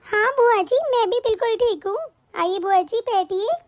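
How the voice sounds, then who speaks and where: A woman voicing a kind, cheerful young daughter-in-law in an animated story, polite and respectful. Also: extremely high pitch, normal speed.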